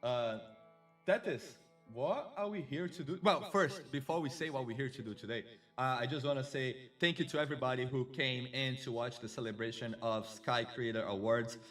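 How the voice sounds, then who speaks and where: A man's voice: mid-range voice, moderate pace, a bit bright, distant mic. A man in the middle range hosts a live stream with an upbeat, effusive and chatty way of talking. He sits a little back from his mic. Faint music plays behind him. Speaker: community stream host. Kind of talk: casual live-stream chat.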